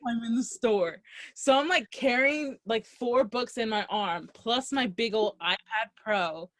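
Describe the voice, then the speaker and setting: Young woman, casual storytelling, animated quoting, dry close sound. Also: a little high, a little slow, no room sound. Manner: animated, acts out quoted dialogue. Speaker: podcast co-host. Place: Los Angeles area.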